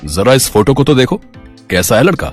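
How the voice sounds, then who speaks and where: A man's voice: medium pitch, sing-song, moderate pace, soft background music, natural voice. A man playing a jovial, teasing father. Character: middle-aged father, easygoing and teasing.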